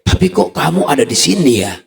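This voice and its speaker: A man's voice: fairly high pitch, big pitch swings, a little fast, vocal fry, pitched above the performer's own voice, exaggerated voice. A preacher voicing an anxious male pilgrim who pleads in a raised voice, in an echoey mosque hall. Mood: worried. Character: anxious male pilgrim seeking his lost deposit.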